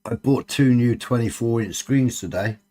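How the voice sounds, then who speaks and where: A man's voice: mid-range voice, moderate pace, mellow. A man with a Cornish accent chatting casually on a late-night livestream, bantering and swearing freely. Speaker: live stream host.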